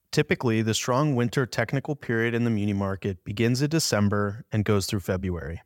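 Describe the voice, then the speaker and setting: A man's voice: on the low side, no echo, studio quality. A man presenting scripted market commentary as a podcast host.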